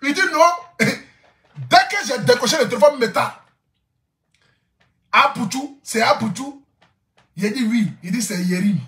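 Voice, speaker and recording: A man's voice: very high voice, unhurried, long pauses, sharp tone, reverberant. A man telling a comic vlog story, boisterous, laughing often and repeating his phrases. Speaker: social media influencer. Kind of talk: casual comic vlog monologue.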